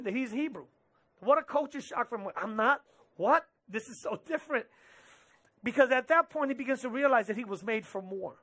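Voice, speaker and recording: A man in his thirties preaches from an indoor church stage with a drum kit behind him, using a headset mic. His very high voice is bright and forceful, and he gestures animatedly while dropping in quick quoted asides.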